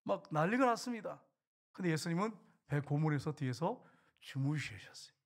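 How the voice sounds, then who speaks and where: Korean male pastor preaching with lively swings. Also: fairly high pitch, moderate pace. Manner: preaching with rhetorical questions and acted quotes, voice rising and dropping. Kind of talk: sermon.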